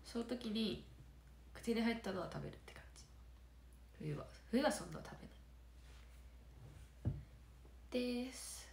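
A woman chats casually on a livestream, giggling often and drifting between soft murmurs and brighter bursts. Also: a little high, expressive, measured pace, vocal fry, long pauses, slight background noise. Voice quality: nasal. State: stuffy nose. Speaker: idol trainee on a livestream. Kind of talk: casual livestream chat answering comments. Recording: roomy echo.

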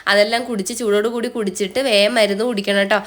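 A woman's voice: mid-range voice, little pitch movement, quick pace. A young Malayali woman with a blocked, nasal voice from a cold, chatting through a casual voice-over for her vlog. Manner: chatty, often ends phrases with a soft tag word. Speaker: vlogger.

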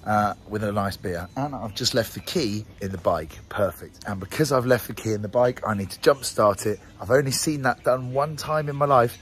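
On the low side and at normal speed with few pauses, this twenty-something British travel vlogger talks casually and slangily to his handheld camera. Raised mostly in Singapore in Southeast Asia, he's filming outdoors by a roadside and open-air bar in a small town, phone or camera held at arm's length.

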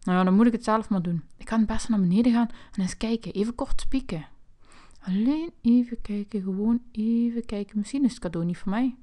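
A woman voicing a curious, mischievous young boy in a toy figure play video, excitable and whining. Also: on the high side, fairly quick, natural voice.

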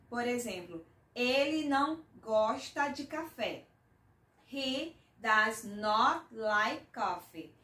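A Brazilian woman with a Brazilian Portuguese accent, teaching English in a patient explanatory mini-lesson and repeating example sentences slowly. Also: fairly high pitch, fairly bright tone, roomy sound, distant mic.

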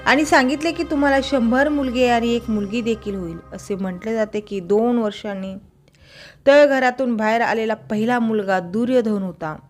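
Woman narrating a story over faint music. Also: mid-range voice. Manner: conversational, with small slips and self-corrections.

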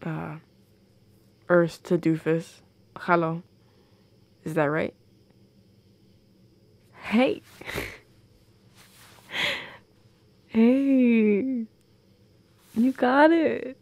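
This woman's goth girlfriend character is playful and loving in an intimate roleplay, teasing and tender, her breathy voice right up on a close, dry mic with no room sound. She talks extremely slowly at medium pitch, with a gravelly texture and frequent pauses.

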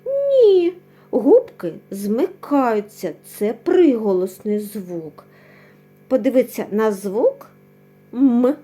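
Brief: woman, kindergarten teacher, slow and patient, lively rising and falling pitch. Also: breathy edge. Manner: slow, patient, asks and answers her own questions; sings out sounds and words drawn out. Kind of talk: lesson for young children.

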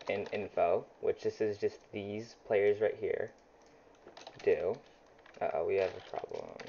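A man's voice: lowish voice, dark tone. A young man talking casually through a coding tutorial, thinking aloud while he types, with plenty of ums. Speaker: YouTuber teaching game scripting. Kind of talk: screen-recorded coding tutorial. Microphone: desk mic near a loud keyboard. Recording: dull lo-fi home mic, faint typing noise.

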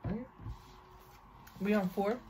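A woman's voice: mid-range voice, steady tone, a little slow, mellow. A young woman chatting casually as co-host of a home joke challenge. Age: young adult. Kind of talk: casual chat. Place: bedroom, indoors. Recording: faint noise in home room.

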